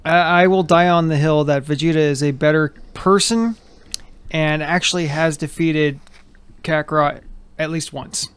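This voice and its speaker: A man's voice: on the high side, steady tone, moderate pace, clear, resonant tone. Joking man rambling in a home studio. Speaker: host. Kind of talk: casual chat. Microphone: headphones with mic.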